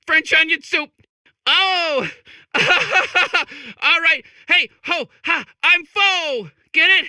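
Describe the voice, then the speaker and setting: Animated but very slow, a man's very high-pitched, bright and forceful full character voice brings to life a manic, desperate comedian robot from a video game. Self-amused, the hacky robot stammers through showbiz patter, giggling at its jokes in improvised-sounding comic acting. The sound is clean studio audio with no echo.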